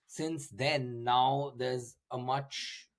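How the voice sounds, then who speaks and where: A man's voice: medium pitch, fairly even intonation, very slow. Reflective man hosting a casual interview. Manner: reflective, hesitant, many "like" and "uh". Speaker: show host.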